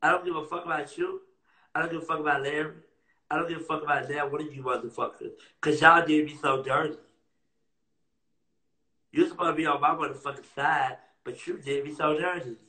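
High, sharp-voiced man ranting in a roomy echo. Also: steady tone, brisk. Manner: confrontational, taunting, repetitive. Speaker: livestreamer. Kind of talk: heated livestream rant. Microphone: phone.

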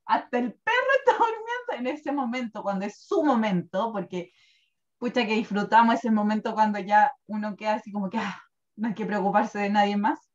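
A woman's voice: medium pitch, normal speed. Chatty Chilean woman on a dull recording. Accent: Chilean Spanish. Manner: chatty and animated, laughs often, tells things with feeling. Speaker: guest presenting wellness products. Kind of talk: casual chat.

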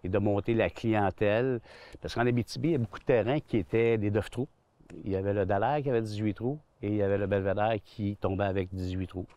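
This man in his sixties from Quebec, a golf club manager with a Québécois French accent, chats in an outdoor interview under trees on a golf course. He talks fast and rambles with many restarts and fillers, his voice on the low side, warm and steady in tone. The recording is dry.

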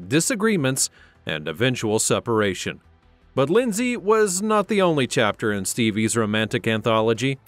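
A man's voice: medium pitch, no echo. A man narrating a scripted biography as a documentary voice-over, with a dramatic storytelling delivery.

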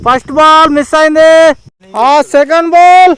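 A man's voice: very high voice, moderate pace, fairly bright tone. A man with a Telangana Telugu accent giving informal, exclamatory ball-by-ball cricket commentary, often repeating his calls.

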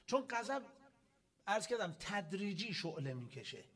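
Impassioned high-voiced male preacher. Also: very animated. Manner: impassioned, swings from loud exhortation to hushed asides. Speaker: cleric preaching. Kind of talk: Muharram sermon. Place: Islamic center hall.

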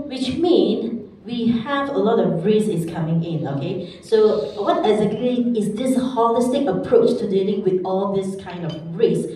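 Mellow woman moderator, very echoey. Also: mid-range voice. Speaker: panel moderator. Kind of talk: formal event moderation. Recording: very echoey hall, distant mic, faint noise.

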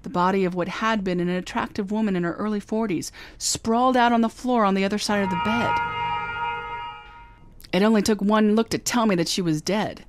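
In a live San Francisco recording, a 2009 re-creation of a 1950 radio drama, a woman plays a wisecracking young female private detective. Her mid-range, near-everyday voice moves briskly over a little hiss or hum as she narrates in dry, wry first-person hardboiled style.

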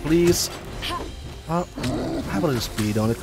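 A man's voice: medium pitch, expressive, measured pace, over loud music. A man casually commenting as he plays a fantasy game, thinking aloud and reacting to the fight. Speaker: let's play host.

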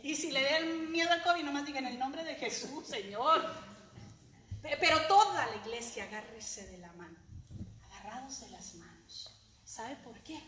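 A woman pastor preaching a fervent sermon, swinging from soft near-whispers to loud cries. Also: a little high. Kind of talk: Spanish-language church sermon. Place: church sanctuary. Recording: echoey church room with faint noise.

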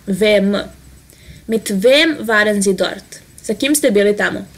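A woman teaching vocabulary, saying each word and example slowly, then translating it quickly. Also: medium pitch, a little hiss or hum. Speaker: language teacher. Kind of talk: vocabulary lesson.

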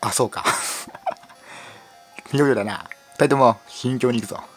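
A hoarse man commentating a game, reading its dialogue aloud with frequent giggles, stumbles and asides. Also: medium pitch, unhurried, soft background music. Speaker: game streamer. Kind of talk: playful let's-play commentary reading game text aloud.

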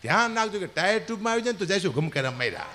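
A man voicing a gruff, mocking male truck driver in a joke. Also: sits high, very animated, rapid-fire, background noise. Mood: teasing.

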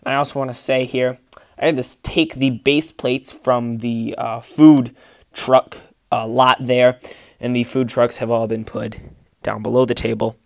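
Man, casual rambling vlogger, dry close phone sound, mid pitch. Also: fairly even intonation, a little slow, gravelly, no echo. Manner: rambling, many fillers and restarts. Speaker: Lego city builder and channel host. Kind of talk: casual vlog walkthrough. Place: indoor room with a large Lego table, behind the camera.

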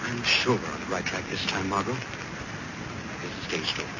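A man playing a confident, reassuring, take-charge gentleman detective in a 1940s radio drama. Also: low-pitched, normal speed, highs cut off, lightly acted. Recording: very noisy 1940s radio recording.

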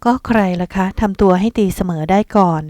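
A woman reading an audiobook, voicing a bold, sharp-tongued servant woman who scolds and mocks with sarcasm. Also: medium pitch, fairly quick, dry recording, studio quality, natural voice. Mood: sarcastic.

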